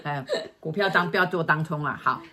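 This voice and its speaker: A middle-aged woman, telling a story in casual chat and acting out quoted lines in a hushed voice. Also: low-pitched, brisk. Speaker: feng shui consultant telling stories.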